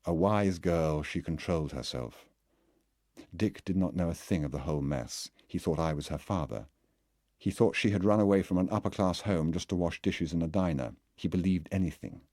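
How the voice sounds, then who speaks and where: Low-voiced guy narrating an audiobook, dry close sound, slow careful reading. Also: dark tone, no room sound. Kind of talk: scripted literary narration.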